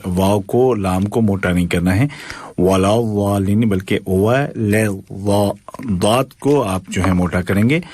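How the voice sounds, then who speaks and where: A man teaching Quran recitation on a call-in program, reciting slowly and stopping to correct pronunciation. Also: lowish voice, darkish tone. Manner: slow drawn-out recitation, stops to correct pronunciation. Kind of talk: live broadcast Quran lesson.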